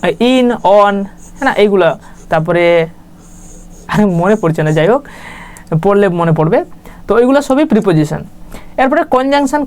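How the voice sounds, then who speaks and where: A woman's voice: mid-range voice, darkish tone. A woman teaching English grammar in a casual, chatty way, often checking that listeners follow along. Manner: chatty, with repeated "right?" check-ins. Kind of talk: casual spoken lesson.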